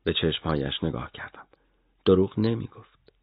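A man reading a first-person audiobook story in a grim, measured way. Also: sits low, expressive, no room sound, narrow, tinny audio. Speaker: narrator.

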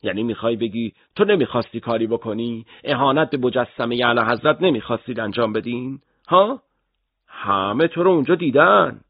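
A cruel middle-aged interrogator, played by a male narrator threatens and taunts in a low, husky voice. The delivery swings between soft menace and sharp outbursts. The recording is dry and dull. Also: big pitch swings, no room sound, exaggerated voice. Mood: threatening.

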